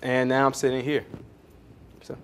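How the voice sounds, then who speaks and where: A man's voice: medium pitch, completely flat delivery, normal speed. Chatty man answering onstage questions. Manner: chatty, rambling, self-deprecating, many fillers. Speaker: pastry chef and founder, featured speaker. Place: coworking space event.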